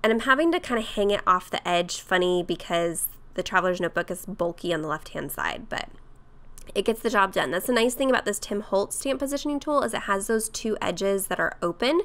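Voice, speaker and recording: A woman with a cold-roughened voice, chatting casually through a craft tutorial voice-over. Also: medium pitch, animated, fairly quick. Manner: chatty, with fillers and soft laughs. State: hoarse from a cold. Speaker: craft vlogger.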